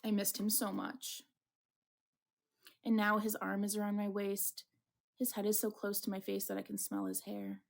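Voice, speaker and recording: Woman playing a theatrical, flirtatious wounded man, creaky voice. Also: medium pitch, big pitch swings, moderate pace, long pauses. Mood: smitten. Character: Julian, wounded flirtatious man, dramatic and lovestruck narrator. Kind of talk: dramatic visual novel reading.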